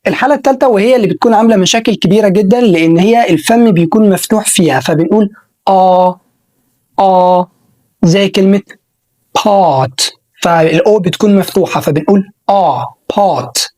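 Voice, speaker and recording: A man with an Egyptian Arabic accent teaching English pronunciation in a video lesson. He says model words slowly and more than once, and praises the learner. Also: high voice, darkish tone. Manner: slow repeated model words, encouraging.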